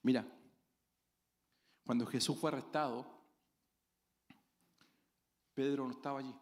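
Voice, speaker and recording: A man preaching a sermon as pastor, dramatic, with sudden loud exclamations and acted-out voices of his congregation. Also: medium pitch, fairly even intonation, unhurried. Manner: acts out quoted voices of congregants.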